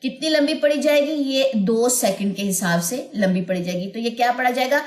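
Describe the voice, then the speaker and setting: A woman teaching recitation in a recorded lesson, explaining slowly and repeating each word to demonstrate. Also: on the high side. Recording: echoey room.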